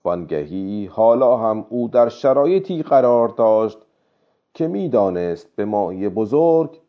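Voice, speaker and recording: A man narrating a story in a steady, measured reading voice. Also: lowish voice. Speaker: audiobook narrator. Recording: dull lo-fi recording.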